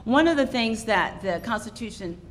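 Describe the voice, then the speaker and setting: A woman's voice: a little high, animated, normal speed. A woman giving a podium speech as host, introducing a public program. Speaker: institute associate director, event host. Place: public event venue, audience present. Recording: faintly noisy live event recording.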